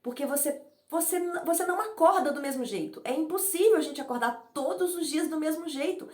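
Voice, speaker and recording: A middle-aged woman teaching an informal online class on speaking to camera. She demonstrates breathing and acts out quoted messages in a chatty, lively way. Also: high-pitched, brisk, reverberant. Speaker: speaking coach. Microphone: camera in front of her.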